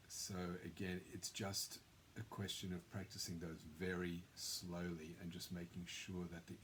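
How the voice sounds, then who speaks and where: A man's voice: low-pitched, a little hiss or hum. A man conductor giving casual practice tips to his orchestra, now and then singing rhythms on nonsense syllables. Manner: relaxed, conversational, sings rhythms with syllables. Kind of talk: instructional talk to orchestra members.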